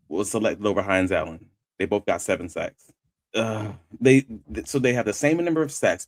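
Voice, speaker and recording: A male sports talk host with a slightly low voice and a very dry sound. He talks through his analysis conversationally, pressing his argument on key points. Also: no echo.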